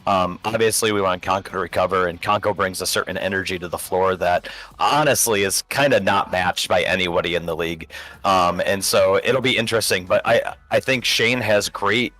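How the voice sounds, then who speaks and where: A man with a smoker's rasp, getting over being sick, gives casual, conversational color commentary on a sports broadcast. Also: sits low, brisk, fairly bright tone, low-quality recording.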